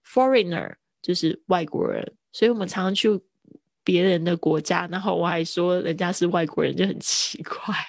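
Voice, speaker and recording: A woman leads a livestream vocabulary lesson, her fairly low voice carrying a gravelly edge. She mixes English terms into relaxed Chinese explanations, drawing words out slowly to drill them. The sound is close and dry. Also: dry recording. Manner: laughs easily, drawn-out word drills. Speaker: English teacher.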